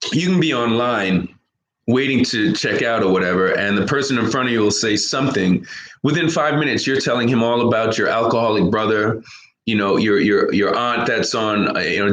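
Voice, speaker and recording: A man's voice: lowish voice, fairly bright tone. An American man talking straight to camera in an opinionated monologue, emphatic, repeating his key phrases and listing words one at a time. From United States. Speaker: vlogger. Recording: roomy echo.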